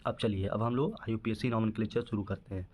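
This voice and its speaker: A chemistry teacher explains a lesson classroom-style, quizzing the class and answering his own questions while repeating "ठीक है" often. His voice is fairly low and darkish, with fairly even intonation, a quick pace, and a little hiss or hum in the recording.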